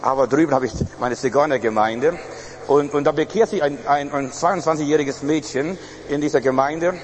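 A man's voice: a little high, moderate pace, a little hiss or hum. A male pastor preaching a sermon emphatically, with frequent fillers and restarts. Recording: reverberant hall, faint ambience.

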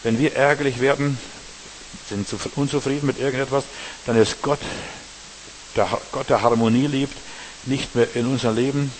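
A man preaching a sermon, emphatic, speaking straight to the congregation and swinging between loud stresses and quiet asides. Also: mid-range voice, steady tone, normal speed, long pauses, a little hiss or hum, poor audio. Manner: emphatic, talks straight to the congregation with repeated tag questions.

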